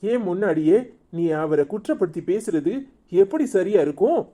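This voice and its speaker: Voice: medium pitch, sing-song, moderate pace, warm tone. A performer voicing a protective young husband in a cartoon serial, with a Tirunelveli Tamil accent, scolding and coaxing by turns. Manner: scolding then coaxing, repeats pleas.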